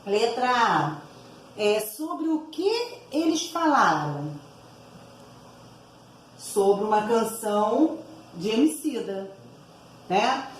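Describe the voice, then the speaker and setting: A woman's voice: a little high, echoey room, slight background noise, rough recording. A woman teacher going through exercise answers aloud for her class, explaining each item and often checking in with her listeners. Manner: explanatory, frequent tag words asking for agreement.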